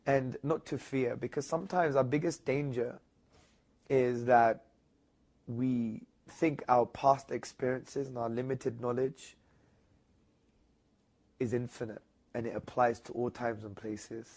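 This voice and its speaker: A man being interviewed, telling a story in a lively conversational way. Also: unhurried, pauses often. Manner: animated, rising high when retelling others' words. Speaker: interview guest.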